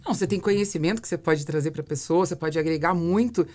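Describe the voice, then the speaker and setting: Hosting a casual interview, this Brazilian podcast host and business mentor talks quickly in a fairly low, slightly mellow voice. She lays out her thinking at length and develops each point by repeating it.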